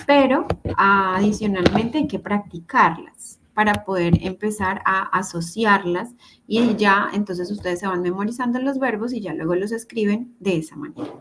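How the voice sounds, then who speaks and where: A woman's voice: mid-range voice, normal speed, noisy background. A woman teaching English grammar to a class over a video call, patient and repeating examples. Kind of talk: online class explanation. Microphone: computer mic on a video call.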